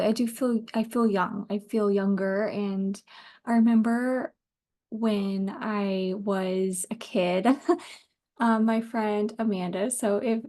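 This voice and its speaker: Her mid-range voice carries a warm tone as this thirtysomething podcast host talks on her own show. She keeps it loose and rambling, laughs readily, and lets the odd swear word slip.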